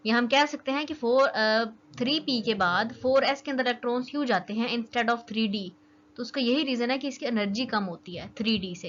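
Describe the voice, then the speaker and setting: A woman's voice: on the high side, fairly bright tone. A young woman giving a casual chemistry lesson, often checking in with "okay" as she explains. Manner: chatty, keeps checking in with "okay". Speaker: chemistry teacher. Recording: dull lo-fi recording with faint noise.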